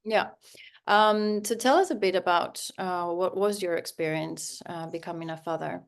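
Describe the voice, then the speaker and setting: A woman hosting a casual interview, asking questions with fillers and a friendly, halting delivery. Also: on the low side, gravelly. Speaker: podcast host, interviewer.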